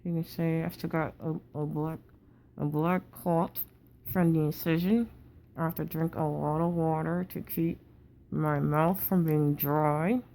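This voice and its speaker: A low, slow-talking woman speaks through a wired-shut jaw, her words muffled behind closed teeth. She is tired and sore, halting and effortful, with a gravelly creak in a casual video diary. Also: steady tone, warm tone, slight background noise. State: tired, sore with swollen cheek. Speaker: patient recovering from jaw surgery.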